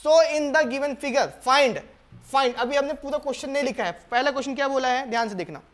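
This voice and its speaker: A man's voice: very high-pitched, a bit bright. A man teaching a board exam maths lesson step by step. He asks his students questions, answers them himself, repeats key steps and calls them "beta" in a patient, coaxing way. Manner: reads the English question slowly, word by word.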